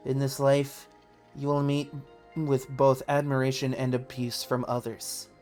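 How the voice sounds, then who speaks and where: A streamer voicing a stern commanding officer of a survey corps, reading game dialogue aloud in a lowered, formal voice. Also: a little mellow, natural voice. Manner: formal and grave.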